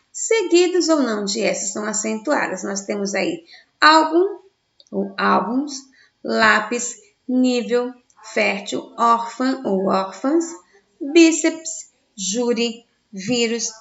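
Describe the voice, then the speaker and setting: Brazilian lady teacher doing a kids' grammar class, kinda high and gravelly, dull echoey room. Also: expressive, a bit bright. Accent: Brazilian Portuguese. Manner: slow, stressed syllables when sounding out words; asks the class questions and answers them herself. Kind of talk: recorded grammar lesson for children.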